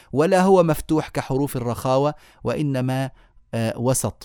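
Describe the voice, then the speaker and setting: A man's voice: medium pitch, a little mellow, clear, resonant tone, no room sound, clean studio sound. A man teaching a tajweed lecture online, explaining the rules of pronunciation step by step and sounding out the letters as he goes. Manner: explanatory, repeats key words, demonstrates sounds aloud. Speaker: Quran recitation teacher.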